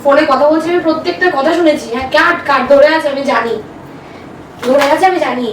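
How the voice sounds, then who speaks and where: A young woman from Bengal confronts her partner in a staged prank, her high voice racing through emotional accusations. She sounds distant in an echoey home room. Steady background noise sits under her words. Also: fast talker. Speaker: prank channel co-host. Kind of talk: staged couple prank argument.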